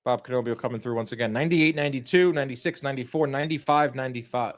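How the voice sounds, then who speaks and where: A man's voice: mid-range voice, very fast. A man hosting a live boxing stream, chatting casually and giving his opinions while talking to viewers in the chat. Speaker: boxing livestream host. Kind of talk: casual live fight commentary.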